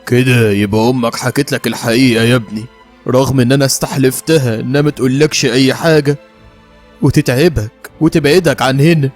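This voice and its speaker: A man's voice: mid-range voice, fairly even intonation, fast talker, soft background music, lightly acted. A man voicing a frightened Egyptian woman in her fifties who speaks with an Egyptian accent and pleads urgently. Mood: defeated. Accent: Egyptian Arabic. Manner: urgent, pleading, hushed warnings.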